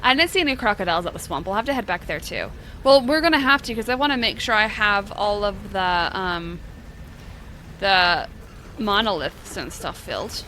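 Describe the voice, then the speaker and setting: Bright playful woman gamer. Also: medium pitch. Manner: chatty, playful, quick asides. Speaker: gaming video creator. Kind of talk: gameplay commentary, reading game text aloud.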